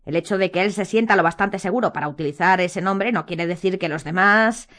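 A cold, stern wizard teacher, read by a woman in a storybook, low-pitched and icy. He speaks slowly, weighing every word, with quiet menace. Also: close to an everyday voice. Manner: slow and measured, icy.

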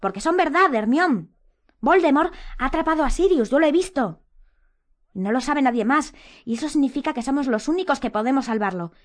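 A woman reading an audiobook, voicing an angry, impatient teenage boy wizard who shouts and snaps. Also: on the high side, quick pace, voice pushed up, lightly acted. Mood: defiant. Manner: shouting, curt, insistent.

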